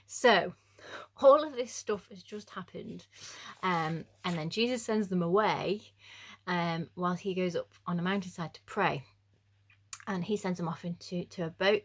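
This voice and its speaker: A young woman speaks to a youth group in a relaxed, chatty way. She jokes at her own expense and fills her talk with ums and likes. Her voice sits a little low for a woman. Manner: chatty, jokey and self-deprecating, with frequent fillers. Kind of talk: casual youth devotional talk.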